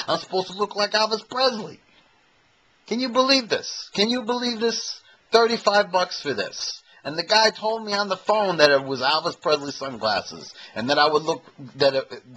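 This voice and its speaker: An amateur comedian and impersonator in his fifties rambles through a self-mocking stand-up monologue to a camcorder at home, captured on its handheld mic. His voice is fairly high-pitched with a sharp tone. The recording is rough, with slight background noise.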